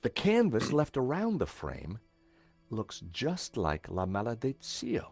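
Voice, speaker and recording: An actor playing a wry, curious American amateur sleuth in a video game, talking conversationally. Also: male voice, mid-range voice, wildly swooping pitch, slow pace, darkish tone, husky, soft background music, full character voice. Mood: intrigued.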